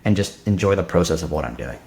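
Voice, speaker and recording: A man in his thirties talks quickly as a podcast guest, his low voice rushing through loose, casual sentences packed with "like" and restarts. He sounds relaxed and conversational. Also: vocal fry. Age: 30s. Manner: fast, loose, filler-heavy talk with many restarts.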